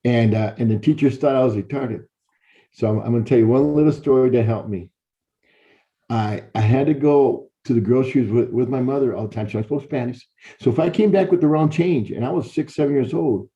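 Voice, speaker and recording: Speaking at a moderate pace in a warm, mid-range voice, a middle-aged Chicago professor recounts his life to a room of students. He talks to them directly and conversationally, restarting and repeating words, and the audio sounds dull and lo-fi.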